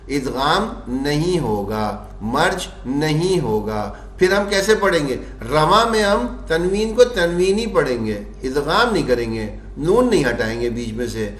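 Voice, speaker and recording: Slow echoey male tajweed teacher. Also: fairly high pitch. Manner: asks the class questions and answers them himself. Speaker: Quran recitation teacher. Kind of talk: tajweed lesson explaining rules, chanting example verses.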